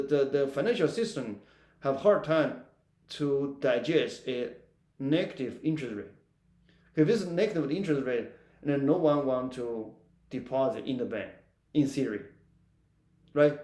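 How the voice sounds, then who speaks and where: A man with a fairly high voice lecturing on economics in an echoey room. He keeps asking "right?" and often restarts a phrase mid-sentence as he walks through the material. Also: warm tone. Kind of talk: recorded lecture.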